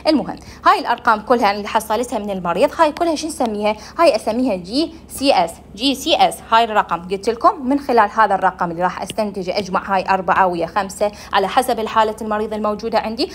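A woman's voice: mid-range voice, lively intonation, very fast, few pauses, fairly bright tone, slight background noise. A young woman with an Iraqi Arabic accent giving a medical lecture, explaining step by step and answering her own questions.

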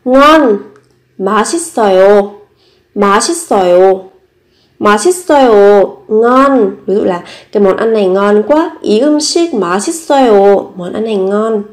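A woman's voice: mid-range voice, animated, fairly quick. A woman teaching a language lesson, patiently repeating each phrase and explaining it step by step. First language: Vietnamese.

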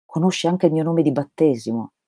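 A woman reading aloud the hushed, questioning lines of a quiet young male monk. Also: sits low, animated, fairly quick, no room sound, clean studio sound. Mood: puzzled.

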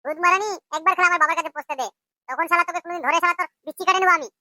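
A shrill, very high cartoon tough spits insults and threats at a racing clip. The voice is bright and sharp, recorded close and dry with no room around it. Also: fairly even intonation, exaggerated voice. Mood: threatening. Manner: abusive, shouting, quick insults. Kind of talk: cartoon voice acting.

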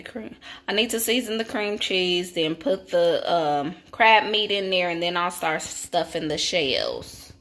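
A home cook vlogger, a woman in her 30s, chats casually in a cook-with-me kitchen video, addressing viewers as "y'all." Her low-ish voice is easygoing, relaxed and chatty, picked up by a phone camera held close.

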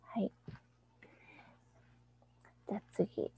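A woman teaching a children's English song, explaining softly, often in a near-whisper, and reading the lyrics slowly and deliberately. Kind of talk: screen-shared lesson on a children's song.

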